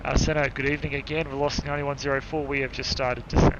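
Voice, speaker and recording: A man's voice: mid-range voice, flat delivery, racing. A man flying as a virtual pilot, mixing jokey, sweary gaming chat with radio calls. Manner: jokey, laid-back, sweary. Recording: dull audio with clear noise.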